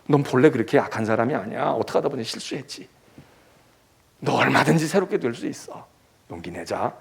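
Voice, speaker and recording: A man voicing a hushed, tender mother. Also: medium pitch, lively intonation, a little fast, creaky, husky, pitched below the performer's own voice, heavily acted. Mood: tender, soothing. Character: mother gently comforting her imprisoned child.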